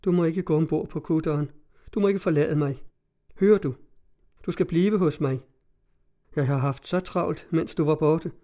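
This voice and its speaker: A man voicing a distraught, confused young woman in an audiobook, speaking in a soft, pleading, anxious way. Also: fairly high pitch, pauses often, natural voice. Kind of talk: audiobook reading.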